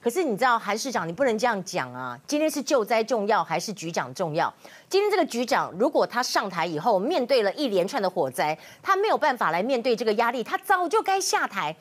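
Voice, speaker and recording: A woman with a Taiwanese Mandarin accent delivers current-affairs commentary at a brisk clip. Her pitch swings widely and sits a little high. She speaks with indignation, mixes in Hokkien words and keeps challenging her listeners with rhetorical questions. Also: very animated. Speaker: political commentator.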